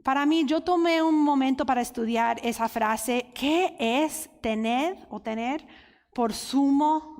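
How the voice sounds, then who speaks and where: An earnest, openly emotional woman teaches the Bible at a women's conference. Her high voice moves at an unhurried pace. The sound rings with the long reverb of a large hall. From United States. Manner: earnest, emotional, speaks directly to listeners. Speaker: women's workshop speaker.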